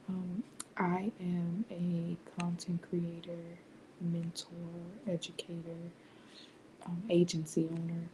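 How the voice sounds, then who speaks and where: A young woman hosting a late-night livestream, speaking softly and half whispering so she won't wake the house. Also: fairly low pitch, slight background noise, poor audio. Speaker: livestream host, business founder. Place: home at night, others asleep.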